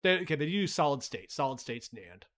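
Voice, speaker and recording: A man's voice: medium pitch, very animated, fairly quick, fairly bright tone. Chatty man hosting a casual stream. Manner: chatty, reads chat, frequent "like" and "right?"; blunt and profane. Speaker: livestream host. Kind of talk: casual market recap talk.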